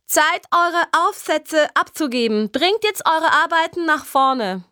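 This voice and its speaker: A woman's voice: sits high, lively intonation, slow, pushed and bright, dry recording, studio quality, pitched above the performer's own voice, exaggerated voice. A woman voicing a strict female schoolteacher, speaking in precise, stern tones. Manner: stern, precise teacherly diction.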